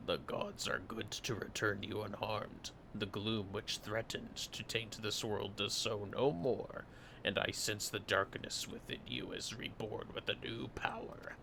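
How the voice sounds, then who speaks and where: A man's voice: fairly low pitch, steady tone, measured pace, creaky, background noise. A man playing a solemn mage elder in a fantasy game, speaking in formal, archaic phrasing. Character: solemn, measured mage elder giving prophecy and blessing.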